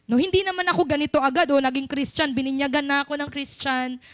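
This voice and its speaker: A woman's voice: high-pitched, steady tone, fast talker, no room sound. A young Filipino woman giving a chatty, playful sermon in church, mixing in English. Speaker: church speaker.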